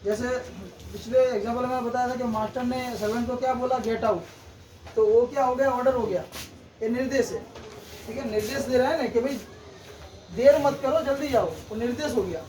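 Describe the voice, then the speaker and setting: With an extremely high, darkish voice and a brisk pace, a man walks through a grammar lesson the way a classroom teacher would. Almost every point ends with a check-in of "theek hai." The audio is echoey and noisy, picked up from a distance.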